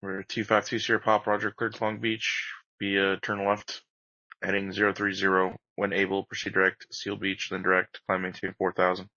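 A man's voice: low-pitched, monotone, normal speed, pushed and bright, no room sound. A man giving clipped, procedural air traffic control instructions over radio in a flight simulation. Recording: dry, dull band-limited radio audio.

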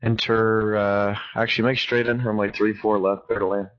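A man speaks as an air traffic controller in clipped radio phraseology. His voice is low and very even. The transmission is dull and band-limited. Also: moderate pace. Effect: aviation radio transmission.

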